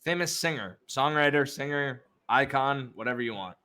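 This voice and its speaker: A man's voice: mid-range voice, normal speed, pushed and bright. A man hosting a casual trivia game, reading out questions and teasing the players with a lot of swearing. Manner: joking, swears freely, reads quiz questions aloud. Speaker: host running a trivia game. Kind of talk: casual chat.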